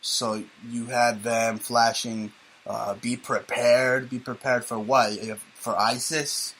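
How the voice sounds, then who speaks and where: Sardonic talk radio host, bright voice. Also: male voice, mid-range voice, little pitch movement, takes it slowly, husky, poor audio. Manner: rambling, sardonic, joking. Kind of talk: casual talk radio banter.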